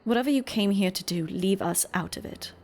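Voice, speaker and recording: A woman's voice: mid-range voice, fairly quick, darkish tone, soft background music, close to an everyday voice. A woman voicing a protective teenage boy from a video game, bitter and weary, with a grave, pleading delivery. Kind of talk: reading video game dialogue.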